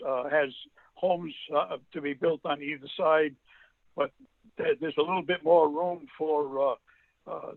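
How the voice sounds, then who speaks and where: A man's voice: a little high, no room sound. Man on a choppy group call. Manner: halting, many filler pauses. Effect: voice over a group call line that breaks up. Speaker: board member at a public meeting. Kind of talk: remote meeting discussion. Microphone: computer or phone on a group call. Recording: tinny, dry call audio.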